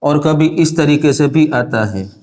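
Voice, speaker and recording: A man teaching a children's lesson on Arabic letters, asking the same questions again and again and calling for the answers out loud. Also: fairly high pitch, unhurried. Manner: repeats questions, prompts pupils to answer loudly. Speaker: Quran reading teacher.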